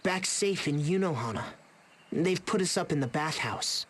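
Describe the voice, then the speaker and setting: A man's voice: a little high, animated, moderate pace, fairly bright tone, husky. A man voicing an earnest, reassuring young male companion in a video game, straightforward in his delivery.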